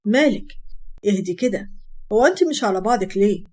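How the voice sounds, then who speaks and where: A woman's voice: medium pitch, lively intonation, fast, a little mellow, close to an everyday voice. A woman voicing a teasing, protective young older brother, with an Egyptian Arabic accent and an affectionate bantering manner.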